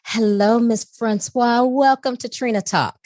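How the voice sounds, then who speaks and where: Hosting a podcast, a woman moves from a scripted intro into warm, upbeat, effusive chatter, laughing easily throughout. She speaks on the high side in a steady tone, a little slowly.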